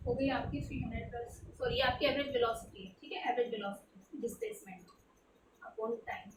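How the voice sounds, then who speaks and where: एक ऊँची आवाज़ वाली शिक्षिका, गूंजते कमरे में. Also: female voice, on the high side, big pitch swings, a little fast, far from the mic, noisy background. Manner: asks questions and answers them herself; mixes English terms into her explanations. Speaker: tutor. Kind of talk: explaining a textbook physics problem. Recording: echoey room, away from the mic.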